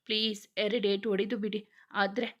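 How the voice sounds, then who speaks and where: A woman's voice: medium pitch, level tone, moderate pace, lightly acted. A woman voicing a remorseful young wife who keeps apologizing, in a storybook reading. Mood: pleading. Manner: pleading, apologetic.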